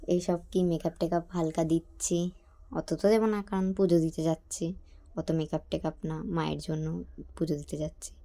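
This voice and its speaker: A young woman from chats straight to her viewers as a casual vlogger. Her voice sits a little low and flat, with a mellow, dark tone. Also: moderate pace. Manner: chatty, talks straight to viewers. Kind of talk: casual vlog narration.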